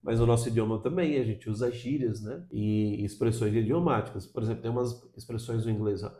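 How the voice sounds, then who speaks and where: A man's voice: fairly low pitch, steady tone, a little fast, warm tone, echoey room. A Brazilian man with a Brazilian Portuguese accent, explaining English pronunciation in a video lesson and checking in with "tá?" as he goes. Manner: explanatory, frequent "tá?" check-ins. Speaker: English teacher.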